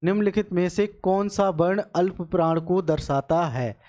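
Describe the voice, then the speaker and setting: A man's voice: sits high, moderate pace, dark tone. A male teacher giving an exam-prep grammar lecture, explaining step by step and asking and answering his own questions.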